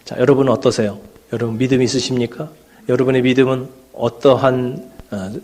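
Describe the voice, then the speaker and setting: Man preaching in a conversational style. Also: mid-range voice. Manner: conversational preaching with frequent fillers and asides. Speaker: pastor. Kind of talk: sermon. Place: church sanctuary.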